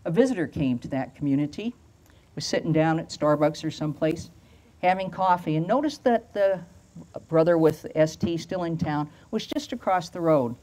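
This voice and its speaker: An older woman pastor preaching a storytelling sermon outdoors at a lectern into a handheld mic, slowing down to stress key phrases. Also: deep voice, expressive, warm tone. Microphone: handheld microphone.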